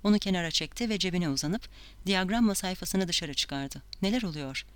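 A reader narrating an audiobook chapter in a steady, measured way. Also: mid-range voice, clean tone, no room sound.

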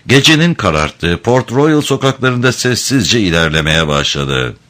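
A man narrating a dark adventure storybook in a measured, grave way. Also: low-pitched. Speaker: audiobook narrator.

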